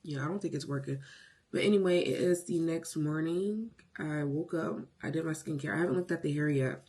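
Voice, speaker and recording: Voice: medium pitch, a little fast, a little mellow. A beauty vlogger chatting casually through a hair tutorial at home, with sassy, playful, self-hyping slang. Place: indoors at home. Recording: noticeable background noise, clicks.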